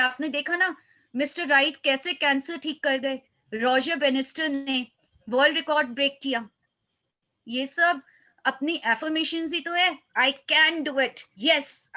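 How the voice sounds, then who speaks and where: A woman's voice: high voice, sharp tone. A woman, a life coach, speaking earnestly in a motivational interview and mixing in English phrases.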